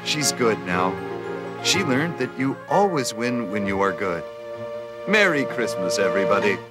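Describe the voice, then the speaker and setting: A man narrating a low-budget holiday film in a gentle, reassuring storybook tone. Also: very animated, a little slow, loud music behind the voice.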